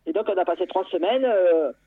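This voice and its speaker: A woman calling in to a radio show, telling a personal story in a lively way, often restarting her sentences. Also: lowish voice, a little fast, slightly rough, dry recording. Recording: tinny phone line.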